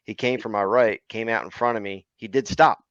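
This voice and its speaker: A man's voice: on the low side, steady tone, brisk, fairly bright tone, dry recording. A man hosting a podcast, chatting casually and telling a story with fillers. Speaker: podcast host. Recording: dry, slightly muffled recording.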